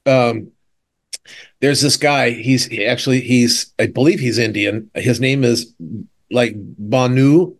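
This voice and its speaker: A man co-hosting a casual chat podcast, rambling through TV recaps with lots of fillers and animated retellings. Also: mid-range voice, measured pace, vocal fry. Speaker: podcast co-host. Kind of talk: casual chat about TV shows.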